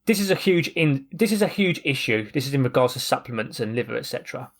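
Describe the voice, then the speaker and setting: A man's voice: mid-range voice, lively intonation, quick pace. A man on a podcast clip reading out and paraphrasing a post, adding wry asides between the quotes. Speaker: podcast host.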